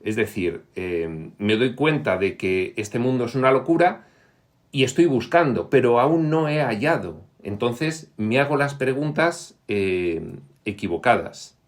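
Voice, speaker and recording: A man giving a reflective explanatory talk on spiritual teachings, pausing often with fillers and reading quoted passages in a raised, livelier voice. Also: medium pitch, expressive. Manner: reflective, pauses with frequent fillers.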